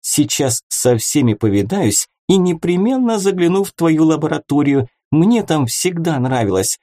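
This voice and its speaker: A man reading an audiobook and voicing a chattering, cheeky female fairy who talks fast and excitably. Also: dry recording, studio quality. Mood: excited chatter. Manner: rapid, excitable, squeaky.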